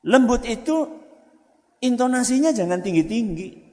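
A man with a Javanese accent, an ustaz giving an animated religious talk to parents, often asking the audience rhetorical questions. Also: extremely high pitch, normal speed. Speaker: ustaz, Islamic preacher. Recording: reverberant hall.

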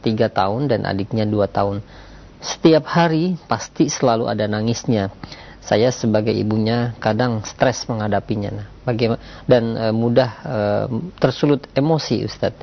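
Low-voiced guy reading out a question, halting, gravelly, muffled lo-fi. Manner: halting, with fillers. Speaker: reader of a listener's question. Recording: dull lo-fi recording.

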